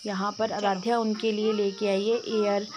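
A young woman vlogging in a casual way, speaking slowly in her voice-over and loudly when she explains a hearing aid to an elderly neighbour. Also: medium pitch, level tone, noisy background. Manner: slow, devotional narration; loud and repetitive when helping the elderly neighbour. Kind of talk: casual vlog voice-over and chat.

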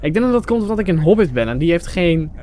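Excitable Dutch gaming commentator, young man. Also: on the high side, fast. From Netherlands. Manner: excitable, chatty, addresses viewers as guys, mixes English phrases. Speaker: gaming YouTuber. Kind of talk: Let's Play commentary.

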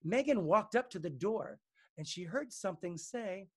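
A man reading a children's storybook aloud to young listeners in a lively, expressive, playful way. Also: high-pitched, normal speed, slightly rough.

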